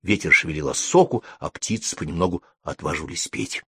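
A man narrating a storybook as an audiobook, with expressive storytelling. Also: low voice, brisk, slightly rough, dry recording.

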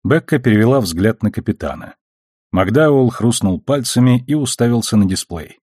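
A man reading an audiobook as narrator, with steady, measured delivery. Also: medium pitch, husky, no room sound, clean studio sound. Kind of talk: scripted narration.

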